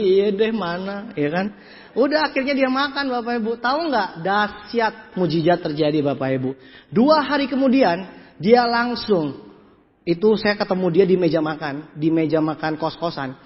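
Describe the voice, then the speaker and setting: A man giving a lively storytelling seminar talk to an audience as a motivational business speaker, animated and mimicking people, repeating words for emphasis. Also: sits high, normal speed. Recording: echoey hall, muffled lo-fi sound.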